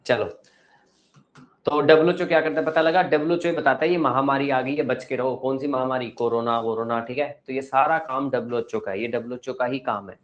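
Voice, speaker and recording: A man's voice: mid-range voice, fairly even intonation, brisk, highs cut off. A male teacher lecturing a class, asking the pupils questions and giving advice.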